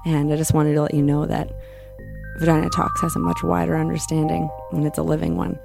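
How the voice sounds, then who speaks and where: A woman podcast host giving an earnest spoken introduction in a deliberate, measured, reflective way. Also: low voice, gravelly, over music.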